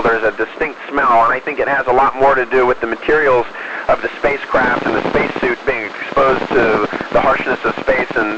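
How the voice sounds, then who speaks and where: A man, an astronaut, answering questions over a space radio link in a measured, explanatory way with hesitant pauses. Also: medium pitch, muffled recording, background noise. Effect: space radio transmission. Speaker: astronaut aboard the space station. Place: inside an orbiting space station.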